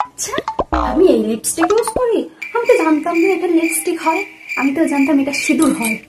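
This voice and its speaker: A woman playing a young bride and wife in a comedy skit, with an exaggerated, lively delivery. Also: extremely high pitch, quick pace. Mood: scolding. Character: young bride, soft-spoken then shrill nagging wife. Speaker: comic actor. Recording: loud background music.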